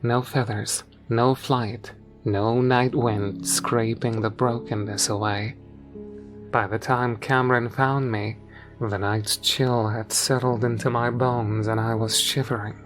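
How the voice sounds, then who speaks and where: A man reading a first-person horror story aloud in a measured, scripted storytelling delivery. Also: mid-range voice, steady tone. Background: faint background music.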